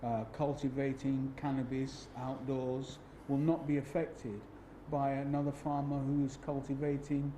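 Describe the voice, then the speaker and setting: A man's voice: medium pitch, monotone, measured pace, mellow. A man speaking as a guest in a policy discussion, recorded in an echoey room with some ambient noise. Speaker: panel guest.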